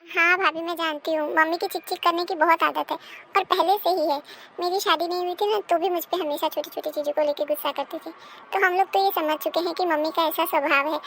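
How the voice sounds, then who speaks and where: A woman voicing a calm, reasonable married daughter in a cartoon, giving soothing advice. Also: extremely high pitch, fairly quick, slight background noise. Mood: gentle. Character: calm, sensible married daughter visiting home. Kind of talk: cartoon dubbing.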